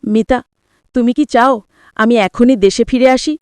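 A woman's voice: fairly high pitch, a little slow, clean tone, no room sound, natural voice. A woman voicing a tender young husband who works abroad, read aloud in an audio story. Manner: gentle, tender.

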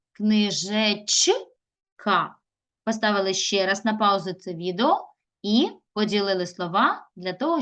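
A woman teacher giving a recorded lesson to young children. She reads words aloud and stretches out their syllables slowly. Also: medium pitch. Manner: slow, drawn-out syllables when sounding out words. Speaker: primary school teacher.

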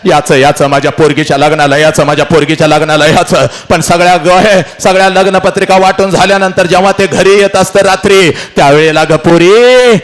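Dramatic male lecturer, fairly high voice. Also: steady tone, fairly quick, hardly any pauses. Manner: dramatic, repeats phrases, addresses the listener directly. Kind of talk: emotional motivational lecture.

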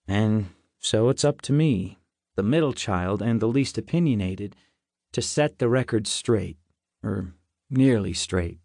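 A man reading a novel aloud in first person, in a measured and reflective way. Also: fairly low pitch, lively intonation, darkish tone, no echo, studio quality. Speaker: audiobook narrator. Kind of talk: scripted first-person narration.

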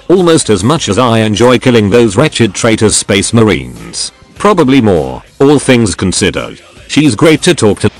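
A man narrates informal first-person stories in a scripted, dramatic way. His voice sits fairly low and moves in very lively contours. Faint music plays behind him. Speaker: narrator reading stories aloud.

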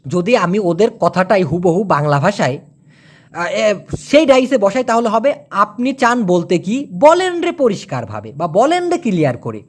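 A man teaching a casual language lesson, chatty and joking, stretching out example words slowly. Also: high-pitched.

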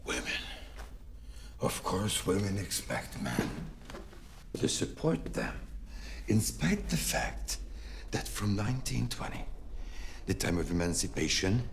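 A sneering, gravelly misogynist boss. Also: male voice, low-pitched, sing-song, takes it slowly, long pauses, exaggerated voice. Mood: ranting. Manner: sneering, berating, swings from hissed whispers to shouts. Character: contemptuous misogynist male boss, middle-aged. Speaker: boss interviewing a secretary.

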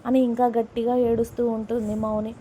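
A woman narrates a serialized romance in a mellow, rather high voice. Her pitch stays fairly level, and she reads the dialogue in the same steady manner as the narration. A faint ambience sits behind her. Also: normal speed, slight background noise. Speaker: storyteller reading a serialized love story. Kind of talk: reading a story aloud, voicing all characters herself.

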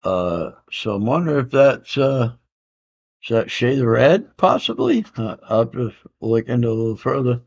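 At medium pitch and a normal pace, a man in his fifties casually unboxes a comic book auction win at home. His talk wanders, loaded with "uh" and laid-back slang like "man" and "I can dig it." Comic art covers the walls around him, and the home camera recording is dull and lo-fi.

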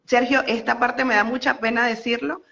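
A young Venezuelan woman with a Venezuelan Spanish accent tells a story as a guest in a casual phone interview, with lots of fillers and laughter. Her voice is a little high, bright and forceful, with vocal fry, a steady tone and a moderate pace. The recording is muffled.

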